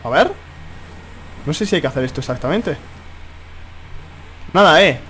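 A young man with a Spanish accent from Spain giving excitable live gameplay commentary, exclaiming and repeating himself often. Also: a little high, moderate pace, a little hiss or hum. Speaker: gaming YouTuber. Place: at home.

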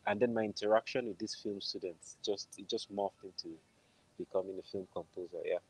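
Fairly quick and breathy, this man's voice is on the low side with fairly even intonation. He's a middle-aged Nigerian-accented film composer casually recounting his story as a guest on a video call from a room at home, through wired earphones, and the recording quality is low.

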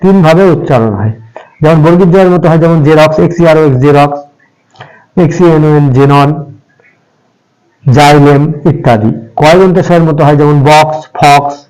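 Patient man spelling out examples, higher voice. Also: a little fast, darkish tone, clean tone, poor audio. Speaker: English pronunciation teacher. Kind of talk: step-by-step spoken lesson for children.

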